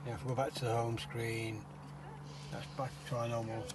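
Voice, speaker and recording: A man's voice: mid-range voice, little pitch movement, brisk, heavy background noise. A man showing off his campervan, explaining its gadgets plainly and matter-of-factly. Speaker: van owner giving a tour. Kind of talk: casual show-and-tell. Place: inside a campervan. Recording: background music.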